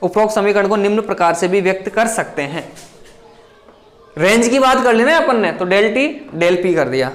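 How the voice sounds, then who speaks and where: A man teaching chemistry, dictating notes line by line and repeating key phrases, quick between the dictation. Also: high voice, animated, fairly bright tone. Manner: talks fast between dictation. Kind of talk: blackboard lecture.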